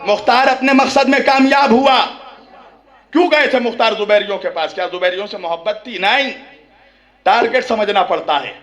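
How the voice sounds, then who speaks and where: A man with a high-pitched voice delivers an impassioned religious oration. He talks straight to the people in front of him, peppering his points with rhetorical questions and a questioning "hain?", and now and then climbs to a shout. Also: moderate pace. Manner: rises to shouting at climaxes; speaks directly to the audience. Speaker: religious orator at a mourning gathering.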